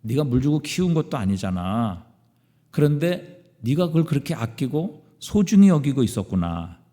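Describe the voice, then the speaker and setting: A man voicing God as a gentle father who reasons tenderly with his prophet, in a reverberant church. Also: mid-range voice, sing-song, normal speed, natural voice. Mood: fatherly. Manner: tender, coaxing explanation.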